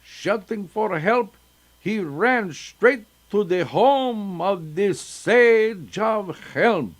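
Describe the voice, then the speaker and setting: A man's voice: high voice, lively intonation, drawn-out words. An older man reading folktales aloud to children as a storyteller, chatty and breaking off into asides. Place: synagogue.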